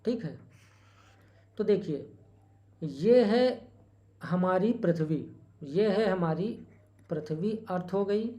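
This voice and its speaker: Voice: mid-range voice, animated, mellow. Teacher repeating terms, quizzing the class. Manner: repeats key terms and asks rhetorical questions; corrects small slips with a quick "sorry". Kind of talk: exam-prep lecture at a board.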